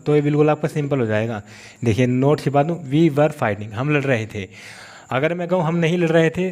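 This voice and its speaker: A man from India, teaching English grammar in a classroom style and slowly repeating example phrases. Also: a little high, darkish tone. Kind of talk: classroom-style spoken lesson.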